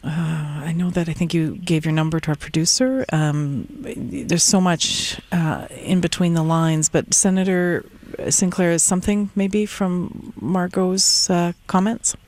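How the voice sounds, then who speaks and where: A woman hosting a call-in radio show, brisk and conversational. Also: on the low side, steady tone, a little mellow. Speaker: radio host.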